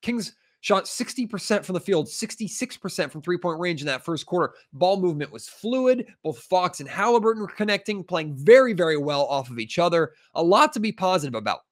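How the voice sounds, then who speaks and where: A man's voice: high-pitched, expressive, fairly quick, hardly any pauses. A man with a stuffy, congested cold, hosting a sports podcast in an emphatic, frustrated way with plenty of fillers. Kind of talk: casual sports podcast commentary.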